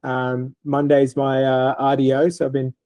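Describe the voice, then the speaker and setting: A man's voice: medium pitch, completely flat delivery, moderate pace, warm tone, no echo, dull audio. A man with an Australian accent co-hosting a vet podcast, talking in a laid-back, rambling way with many fillers. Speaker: veterinary podcast co-host. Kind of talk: casual podcast chat.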